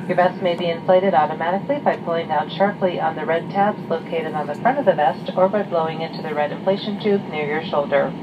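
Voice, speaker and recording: A woman's voice: sits low, a little fast, hardly any pauses. A flight attendant, a woman, reading a formal safety announcement over the airplane cabin PA. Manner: scripted, formal. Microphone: camera in passenger seat. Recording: distant lo-fi cabin recording, loud engine noise. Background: loud aircraft engine hum.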